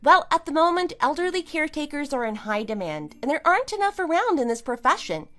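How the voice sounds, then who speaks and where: Faint music plays behind a woman acting in an amateur audio drama as a scornful, triumphant wife throwing out her cheating husband. Her high-pitched, fairly bright voice is very animated and a little fast, with a sarcastic, emphatic delivery that sounds smug and matter-of-fact.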